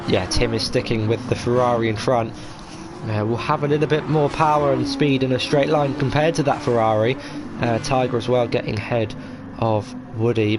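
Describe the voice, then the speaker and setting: A man's voice: medium pitch, noisy background. A man giving live motorsport commentary on a sim race, hesitant and full of fillers as he follows each move.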